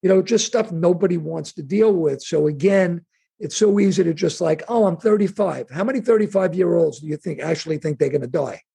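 A middle-aged man with a New York accent, a guest answering interview questions in a halting, chatty way with many restarts. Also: on the high side, gravelly, mellow, slightly rough. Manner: halting restarts, conversational, acts out imagined speakers. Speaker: insurance and wealth planning executive, guest.

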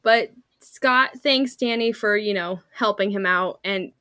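A woman's voice: medium pitch, measured pace, no room sound, studio quality. A young woman co-hosting a podcast, recapping a TV episode in casual chat and acting out characters' lines with laughter. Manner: animated storytelling, acting out quotes with laughter. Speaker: podcast co-host.

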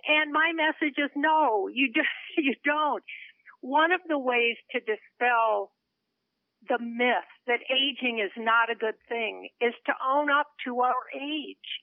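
A woman's voice: sits high, slow pace, no room sound. A woman in her seventies, a guest on a radio interview, speaking earnestly over the phone with small laughs between her points. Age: 70s. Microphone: telephone. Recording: narrow phone line.

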